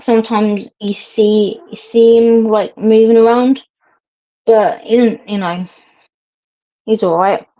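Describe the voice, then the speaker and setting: A woman's voice: fairly high pitch, steady tone, takes it slowly, pauses often. A middle-aged woman, chatting casually to viewers as a livestream host, rambling and laughing often. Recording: dull lo-fi stream audio.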